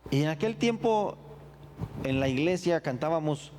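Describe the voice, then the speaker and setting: A middle-aged male pastor with a slightly higher-than-usual voice tells his own story in a sermon. He is earnest and reflective, often stumbling over repeated words. A faint hum of room ambience sits behind him. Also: expressive, normal speed, darkish tone. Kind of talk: personal testimony in a sermon.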